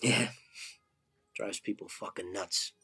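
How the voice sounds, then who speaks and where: A man playing a childish mafia boss in a comedy sketch, speaking solemnly and deliberately like a fatherly godfather. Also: fairly low pitch, fairly even intonation, sharp tone, husky, full character voice. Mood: pleased, scheming. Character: childish Italian-American mob boss, grave and fatherly. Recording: music playing under the voice.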